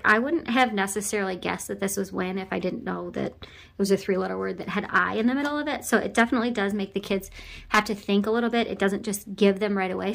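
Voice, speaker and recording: A woman's voice: mid-range voice, creaky, fairly bright tone. Woman giving a casual, explanatory walkthrough. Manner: explanatory, spelling out letters and words. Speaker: parent reviewing a children's book.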